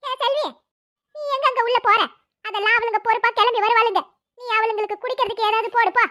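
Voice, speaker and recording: A woman voicing a stern, bossy old village grandmother in a cartoon, with a shrill scolding manner. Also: steady tone, fast, bright, forceful tone. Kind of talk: cartoon voice acting.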